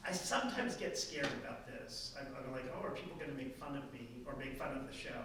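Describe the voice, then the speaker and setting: Speaking quickly in a mid-range voice, a man who teaches art history responds to something an audience member said, chatting loosely and breaking off to restart his sentences. The recording comes from an echoey hall with the speaker distant from the microphone, and the background is noisy.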